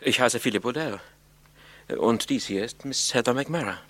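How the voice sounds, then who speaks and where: A man's voice: mid-range voice, normal speed, a bit bright, natural voice. A man playing a noir private detective who coolly narrates his own cases in a 1950s radio crime drama. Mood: matter-of-fact. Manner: cool noir detective, first-person storytelling.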